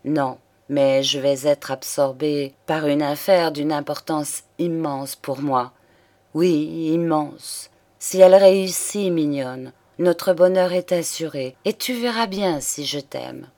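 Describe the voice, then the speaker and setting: A woman's voice: low voice, takes it slowly, darkish tone. Noël, a secretive young lawyer, read by a woman. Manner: evasive and firm. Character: secretive, uneasy male lawyer, young lover.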